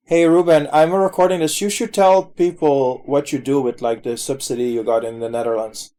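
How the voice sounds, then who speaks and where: A man's voice: mid-range voice, fairly even intonation, moderate pace, mellow. A man hosting a casual video call with his brother and friends, asking rambling questions that often restart. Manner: rambling, self-interrupting questions. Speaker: video chat host. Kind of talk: casual chat.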